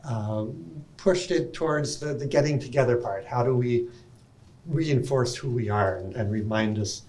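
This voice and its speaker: A man's voice: medium pitch, measured pace. A man losing his voice, giving a rambling, informal welcome talk into a handheld microphone in a conference room. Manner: warm, rambling, many ums and restarts. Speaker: session speaker at an alumni reunion.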